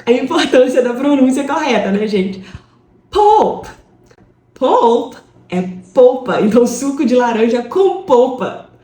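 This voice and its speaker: A woman's voice: sits high, expressive, normal speed, dark tone, echoey room. A woman in her thirties with a Brazilian Portuguese accent, an English teacher giving a live online class in a chatty storytelling way, often asking "right?". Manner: chatty storytelling, frequent tag questions.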